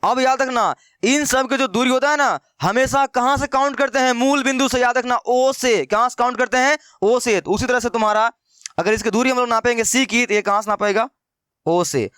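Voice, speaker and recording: A man's voice: extremely high pitch, normal speed, fairly bright tone, clear, resonant tone, dry recording, studio quality. A man teaching maths in a casual, chatty way, repeating questions to his students and calling them brother. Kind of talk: casual Hindi maths lesson.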